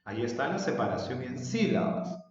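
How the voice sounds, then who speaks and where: A man's voice: mid-range voice, big pitch swings, normal speed, a little mellow. A male language teacher explaining a lesson patiently, stretching out example words. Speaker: secondary school language teacher. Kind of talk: recorded remote lesson. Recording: dull, roomy, distant with long reverb.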